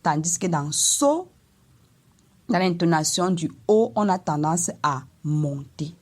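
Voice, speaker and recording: Woman, language teacher, deep-pitched, slow, patient lesson delivery. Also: lively intonation, a little mellow. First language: Eton. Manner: slow, careful explanation with sung vowel examples.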